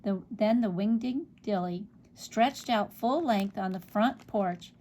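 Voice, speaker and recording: A woman reading a children's picture book aloud, expressive, with small slips and restarts. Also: mid-range voice, slow pace. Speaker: storybook reader.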